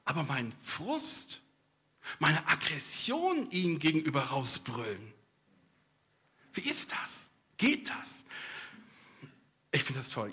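Man, middle-aged, pastor, from east westphalia, husky voice, conversational sermon, joking asides. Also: mid-range voice, sharp tone. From East Westphalia, Germany. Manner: personal storytelling with humorous asides; conversational, addresses the congregation directly.

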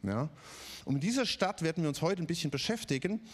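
A man's voice: a little high, expressive, fast. A man from the Stuttgart region preaching a conversational sermon, with many fillers and little tag questions. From Ludwigsburg area, Germany.

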